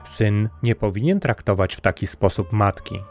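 A man's voice: on the low side, animated, moderate pace, a little mellow, faint music behind. A man voicing a kindly, gullible peasant with earnest, mildly scolding words in a storybook reading.

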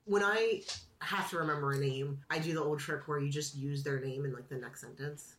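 A woman's voice: deep voice, a little fast, a little hiss or hum. A woman in her thirties chatting casually as a podcast co-host, using lots of "like" and laughing often. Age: 30s. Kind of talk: casual chat.

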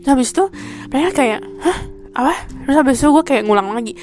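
A young woman from Indonesia hosts her podcast and tells a story in a loose, chatty way, filling her speech with little verbal fillers. Her voice sits a little high. Music plays clearly underneath her talk. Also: rapid-fire, darkish tone. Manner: chatty, full of fillers like "kayak" and "gitu kan". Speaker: podcast host. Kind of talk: casual storytelling monologue. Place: a room in Taiwan.

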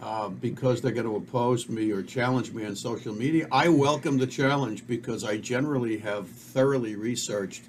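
A man's voice: mid-range voice, normal speed, hardly any pauses, a little hiss or hum. A middle-aged man co-hosting a podcast, chatting casually in a rambling, self-assured, opinionated way. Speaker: podcast co-host. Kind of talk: casual chat.

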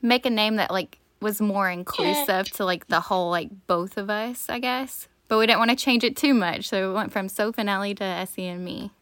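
A woman's voice: mid-range voice, moderate pace, few pauses, fairly bright tone, dry recording. Casting: woman co-host, rambling storyteller with many "like"s, dry, close sound. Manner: storytelling, heavy use of "like". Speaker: podcast co-host. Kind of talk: casual chat.

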